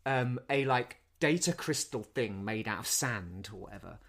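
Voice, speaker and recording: A man's voice: medium pitch, lively intonation, normal speed, a bit bright. A man chatting casually as a podcast co-host, rambling through a film's plot with frequent restarts. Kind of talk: casual film review chat.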